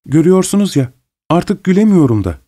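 A man reading an audiobook, voicing a brooding, earnest young woman who speaks softly and hesitantly. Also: on the low side, sing-song, a little fast, voice pushed up. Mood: gloomy.

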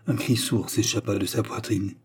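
A man narrating a classic novel as an audiobook in a steady, measured way. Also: fairly low pitch, creaky, breathy edge.

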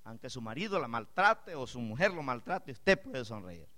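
A male pastor preaching a sermon, moving from chatty asides with the congregation to impassioned, loud exclamations. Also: medium pitch, sing-song, moderate pace.

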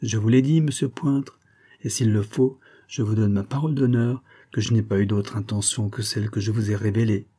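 A man's voice: fairly low pitch, steady tone, moderate pace, mellow, slightly rough. A man voicing a cool, bold detective who speaks coldly and teases his opponent in a storybook reading. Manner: cold, teasing and self-assured. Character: cool, sly male detective, mocking and bold.

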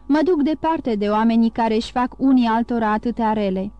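A woman voicing a calm, grave male priest who talks in a measured, quiet way in an audiobook. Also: a little high, clean tone, no room sound, lo-fi sound, close to an everyday voice.

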